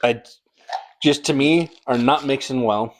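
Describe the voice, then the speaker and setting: A man's voice: mid-range voice, a little slow. A man co-hosting a casual podcast, teasing his partner in wry banter while tasting drinks. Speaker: podcast co-host. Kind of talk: casual chat.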